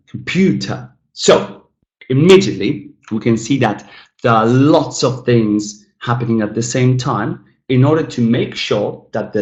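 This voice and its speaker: A man with a fairly low, darkish voice teaches pronunciation in a recorded lesson, addressing viewers as guys. He explains sounds by exaggerating stressed syllables and mumbling the unstressed ones, in an echoey room on a muffled recording.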